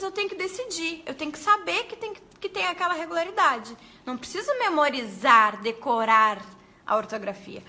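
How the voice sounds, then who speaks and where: Woman, teacher trainer, live-streamed lesson, high voice, crisp and bright tone. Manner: lively, animated, addresses viewers as "gente".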